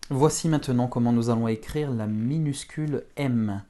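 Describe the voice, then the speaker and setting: A man teaching beginners to write letters, talking them slowly through each stroke. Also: medium pitch, very noisy. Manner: slow, step-by-step instruction. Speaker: Russian teacher. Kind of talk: handwriting lesson for beginners.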